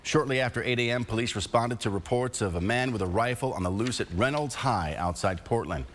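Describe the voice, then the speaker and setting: A man's voice: mid-range voice, brisk, a bit bright, a little hiss or hum. An American man reading scripted television news as an anchor.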